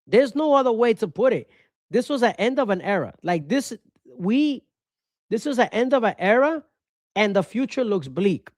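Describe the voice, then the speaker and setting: A man's voice: high voice, expressive, moderate pace, darkish tone, no room sound, studio quality. A man from Rico, hosting a baseball podcast with passionate, opinionated commentary and repeating his points for emphasis. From Puerto Rico.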